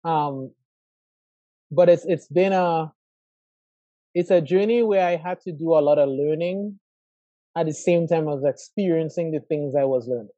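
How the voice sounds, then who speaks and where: A professor in his forties from Trinidad and Tobago, with a Trinidadian accent, speaks as a guest in an interview over a call, thoughtful and reflective and often asking "right?". His voice is fairly high and mellow, at a measured pace with frequent pauses. There's no room sound, and the audio is dull.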